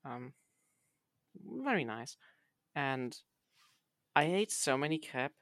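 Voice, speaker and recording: A woman's voice: rumbling low, expressive, takes it slowly, a bit bright, no room sound, studio quality. A woman chatting casually as a podcast co-host, playful and dryly teasing. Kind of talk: casual chat.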